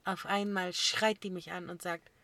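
A woman co-hosting a podcast, telling stories in casual chat and breaking into loud laughter. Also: on the low side, moderate pace, no echo. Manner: lively storyteller, bursts into loud laughter. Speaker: podcast co-host.

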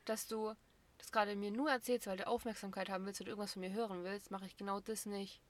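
A woman's voice: medium pitch, flat delivery, quick pace. A young woman in casual chat, blunt and emphatic as she tells stories.

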